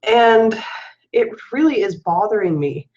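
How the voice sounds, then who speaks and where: A woman's voice: medium pitch, animated, measured pace, darkish tone, dull audio. A young woman with a stuffy nose from a cold, hosting her weekly spiritual show and talking casually from home, rambling with many fillers and restarts. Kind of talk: casual spoken vlog. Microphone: webcam.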